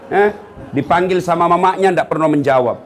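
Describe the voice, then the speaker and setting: A middle-aged preacher with a rather high voice delivers a comedic sermon at a fairly quick pace. He is animated and teases the congregation by calling out to them.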